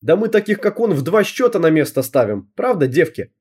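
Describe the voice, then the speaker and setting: A man's voice: a little high, very animated, a little fast, darkish tone, breathy edge, pitched above the performer's own voice. A man voicing a brash, bossy teenage girl gang leader with cocky street slang in an audiobook reading. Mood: boastful.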